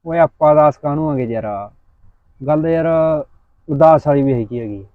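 A man's voice: fairly high pitch, moderate pace, no echo, natural voice. A man playing a lovesick young village guy. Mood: confiding. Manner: mournful and pleading, dropping his voice. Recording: tinny phone-like sound.

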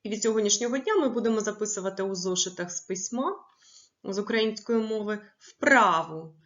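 A woman teaching a primary school lesson, stressing each word slowly and clearly for young pupils. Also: medium pitch, a bit bright, highs cut off. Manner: slow, clearly stressed dictation of words.

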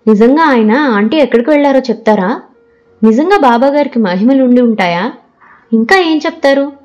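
A woman's voice: sits high, lively intonation, normal speed, darkish tone, dull audio, faint music behind. A woman voicing an anxious, unhappy teenage girl student who asks eager, worried questions.

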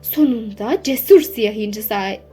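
A woman narrating a children's storybook aloud in a measured, expressive reading. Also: medium pitch.

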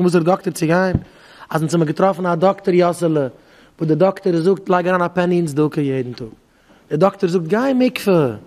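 High-voiced rabbi in a reverberant hall. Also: male voice. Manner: animated, acts out back-and-forth dialogues. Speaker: rabbi giving a talk.

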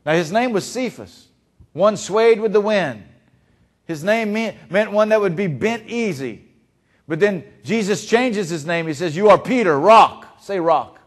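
Preacher, hushed to booming. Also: male voice, lively intonation, unhurried. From Louisiana. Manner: swings between hushed and loud preaching. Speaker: pastor. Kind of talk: sermon.

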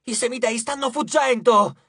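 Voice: mid-range voice, sing-song, unhurried, a bit bright, no echo, voice pushed up. Strife goddess for an audiobook: hissing, boastful, quarrelsome, as the narrator puts her on, dry studio sound. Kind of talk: audiobook character voice.

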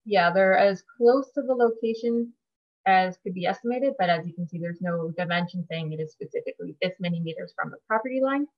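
A woman city planner giving measured technical explanations on a video call. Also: on the low side, highs cut off.

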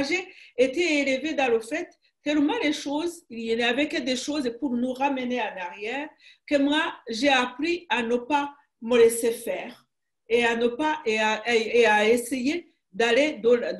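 A slightly high-voiced woman in her sixties from Rwanda, an author, talks in Rwandan-accented French during a conversational interview via webcam from a room in her house. Her delivery is halting and emphatic, with frequent restarts.

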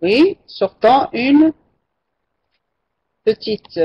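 A woman's voice: on the high side, animated, extremely slow, slightly rough. A woman teaching an online French class, patiently repeating and correcting her students' answers. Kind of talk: online language lesson. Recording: muffled lo-fi online class recording.

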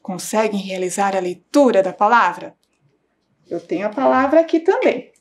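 A woman primary school teacher giving a slow, clear lesson to young children, patient and sing-song, stretching out syllables. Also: medium pitch, lively intonation. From Brazil. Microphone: broadcast studio mic.

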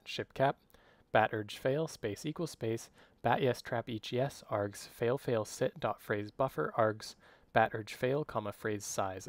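A man dictating code by voice, speaking clipped strings of isolated command words as a software demonstration. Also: mid-range voice, no echo.

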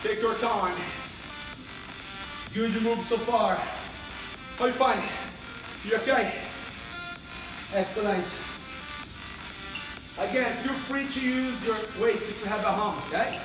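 A man with a Brazilian accent, a native Portuguese speaker, working as an energetic aerobics instructor who calls out counts and encouragement while exercising. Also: high voice, slow, pauses often. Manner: energetic, motivating, exerting himself while demonstrating. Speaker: aerobics instructor leading a workout class. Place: large indoor gym studio. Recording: echoey gym hall, distant mic, music behind.

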